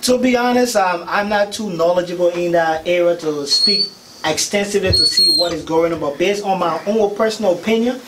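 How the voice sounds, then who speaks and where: A young Liberian man appears as a guest on a radio talk show, speaking earnestly into a studio boom mic and repeating words for emphasis. His voice is high and brisk, with noise in the background.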